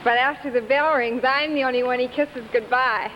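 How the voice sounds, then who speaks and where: A woman's voice: sits high, steady tone, normal speed, long reverb tail, dull audio, slight background noise. A young woman from Wisconsin chatting politely as a contestant on a 1950s live quiz show, on a vintage broadcast recording. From Wisconsin, United States. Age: young adult.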